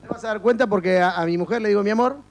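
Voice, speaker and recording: Holding a handheld mic, a comic TV host runs funny street interviews in an indoor studio and in shops. He talks very fast in a high male voice, trading teasing banter laced with mock outrage.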